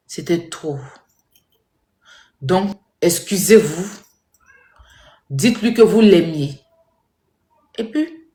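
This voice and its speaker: A woman giving animated, scolding commentary straight to her viewers. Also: mid-range voice. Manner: animated, scolding, repetitive, addresses viewers directly. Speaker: social media commentator. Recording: echoey room.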